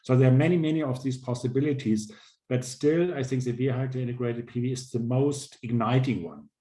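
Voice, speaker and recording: Calm guy with a dark mellow voice on a video call, thoughtful, roomy echo. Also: medium pitch, fairly quick. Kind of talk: casual panel discussion.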